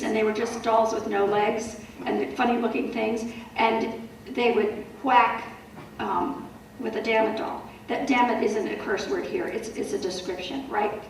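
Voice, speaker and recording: A middle-aged woman giving a wellness talk to a support group, telling stories in a lively way with animated asides. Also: on the high side. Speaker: wellness speaker. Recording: roomy hall, voice from far off, faint noise.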